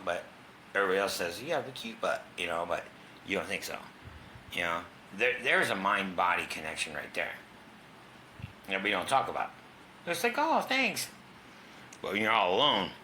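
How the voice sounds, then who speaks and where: Middle-aged man, very low voice, bright and forceful tone, blunt storytelling, faint hiss behind. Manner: raw, candid, swears, acts out quoted voices. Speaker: guest telling his recovery story. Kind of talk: personal storytelling in a talk show. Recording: faint background noise.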